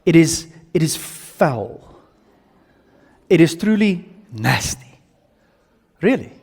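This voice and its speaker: A man's voice: a little high, big pitch swings, takes it slowly, gravelly, darkish tone, husky. A man with an Afrikaans South African accent preaching a sermon in emphatic short phrases, repeating himself and putting questions to his listeners. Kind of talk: sermon with slides and audience questions. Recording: long hall reverb.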